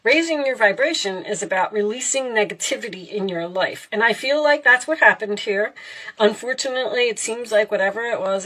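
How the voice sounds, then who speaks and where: Female tarot reader, conversational and reassuring, addressing the listener directly with halting, thinking-aloud phrasing. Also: medium pitch, a bit bright, low-quality recording. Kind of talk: casual spoken tarot reading.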